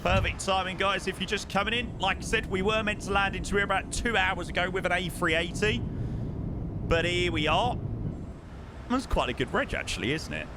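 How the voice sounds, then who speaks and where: A man's voice: sits high, lively intonation, fairly quick. A man chatting informally to a livestream audience as he plays pilot in a flight simulator. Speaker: flight sim streamer playing pilot. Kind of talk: casual livestream commentary. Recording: clear aircraft engine noise behind.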